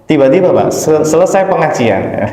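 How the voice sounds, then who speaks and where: A man's voice: a little high, big pitch swings, brisk, mellow. A man preaching a conversational study lecture, telling a story with animation and often addressing his listeners directly. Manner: emphatic, rising sharply on key points. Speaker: Islamic preacher. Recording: echoey hall with long reverb.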